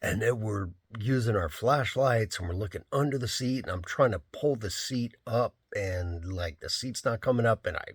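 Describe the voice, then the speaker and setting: Husky-voiced man telling a story. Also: lowish voice, moderate pace, few pauses, no echo, clean studio sound. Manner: rambling, fills with "like" and "you know". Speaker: rideshare driver. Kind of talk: casual storytelling vlog.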